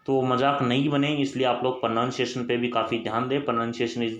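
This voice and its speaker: A man's voice: mid-range voice, fairly even intonation, a little fast, dull audio. A man teaching English root words, repeating each point as a question he then answers himself. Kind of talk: Hindi screen-recorded lesson. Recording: echoey room.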